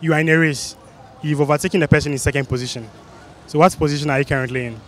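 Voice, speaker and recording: Young man, West African accent, slightly high voice, street quiz host, outdoors. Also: steady tone, very fast, fairly bright tone. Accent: West African, Ghanaian. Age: young adult. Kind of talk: street interview, repeated quiz questions. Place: busy outdoor spot under a city flyover. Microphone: handheld microphone.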